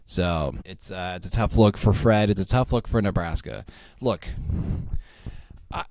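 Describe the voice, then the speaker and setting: A man's voice: low voice, darkish tone, no room sound, clean studio sound. Sarcastic, profane young man ranting. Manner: profane, sarcastic, fired-up venting. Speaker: podcast host. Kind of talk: solo sports recap rant.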